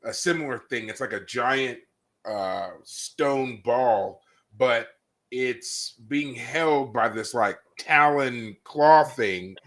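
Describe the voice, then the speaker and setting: A man co-hosting a podcast, chatting casually and retelling scenes with lively exclamations. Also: medium pitch, slow. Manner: animated storyteller, acts out scenes with loud exclamations. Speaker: podcast co-host. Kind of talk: casual chat. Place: live podcast recording.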